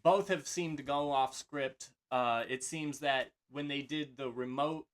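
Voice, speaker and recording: A man co-hosts a casual wrestling podcast in a mid-range, slightly bright voice, speaking unhurriedly. He rambles hesitantly, heavy on fillers and restarts.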